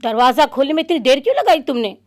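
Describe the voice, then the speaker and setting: A woman's voice: high-pitched, big pitch swings, fast talker. Woman doing pushy greedy boy Ninni. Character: greedy young boy friend, pushy and nosy.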